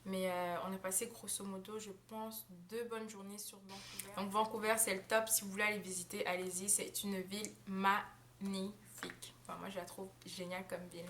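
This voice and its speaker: A woman's voice: medium pitch, level tone, normal speed, a bit bright. A young woman au pair chatting in a casual vlog, talking freely with many fillers and restarts and laughing often. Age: young adult. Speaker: au pair vlogger. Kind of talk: casual monthly recap vlog. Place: home in the United States.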